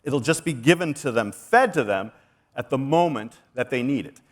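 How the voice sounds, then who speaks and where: A man presenting a keynote talk at a conference, energetic and persuasive as he walks through slides. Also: mid-range voice, normal speed. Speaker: conference speaker.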